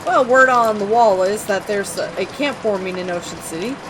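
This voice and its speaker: A let's-play narrator voicing a cheerful, chatty male hobo in a video game, over a clear patter of rain. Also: medium pitch, normal speed, natural voice. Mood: folksy. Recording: rain noise behind.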